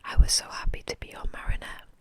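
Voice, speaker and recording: A woman hosting an ASMR channel, softly whispering as she chats and reads aloud from a book. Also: fast talker, no echo. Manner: soft unvoiced whispering throughout.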